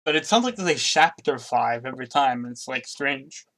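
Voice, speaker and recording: A man's voice: mid-range voice, lively intonation, normal speed, a bit bright. A man giving casual, musing gameplay commentary with a mild grumble, faint game sounds behind him. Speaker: gaming commentator.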